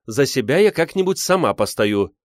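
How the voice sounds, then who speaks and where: A man's voice: medium pitch, sing-song, moderate pace, no echo, clean studio sound, voice pushed up, close to an everyday voice. A man voicing a proper, haughty woman with a reproachful manner. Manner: reproachful, prim.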